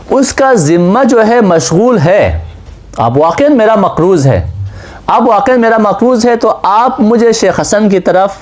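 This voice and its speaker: Male seminary teacher, lively rising and falling pitch, slightly high voice, asks and answers his own questions. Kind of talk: classroom lecture on Islamic law.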